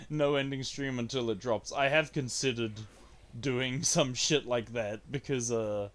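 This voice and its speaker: An excitable man streams a game to his chat in casual, rambling commentary. His voice sits at an ordinary middle pitch but leaps into high yelps whenever a good drop or an annoyance hits. He swears without a second thought. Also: slow.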